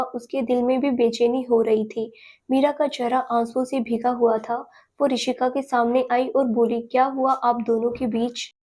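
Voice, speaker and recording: High, mellow woman narrator for an emotional audio story, dramatic and steady.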